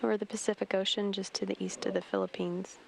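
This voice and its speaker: A woman giving measured, formal live spaceflight commentary as a mission control announcer. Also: mid-range voice, level tone, creaky. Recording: faint noise on broadcast feed.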